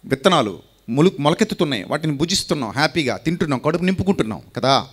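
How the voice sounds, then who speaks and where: A man's voice: on the high side, very animated, rapid-fire, slightly rough. A man with a Telugu accent preaching a sermon. He asks rhetorical questions and repeats lines for emphasis.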